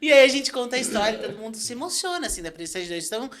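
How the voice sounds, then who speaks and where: Brief: brisk female host from Brazil, lively storyteller in casual interview chat. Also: fairly high pitch, a crowd in the background. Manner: animated, emotional storyteller. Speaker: podcast host.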